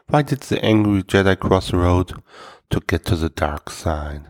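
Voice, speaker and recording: Male comedy podcast host, deep and unhurried, dry self-mocking delivery. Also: darkish tone. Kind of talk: deadpan comedy monologue.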